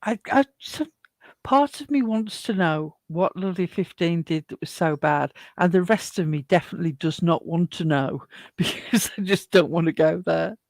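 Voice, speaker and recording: A woman's voice: lowish voice, moderate pace, a little mellow, dry recording. A woman co-hosting a livestream, chatting casually and reading out comments from the live chat. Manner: rambling, chatty, laughs often. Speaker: livestream co-host.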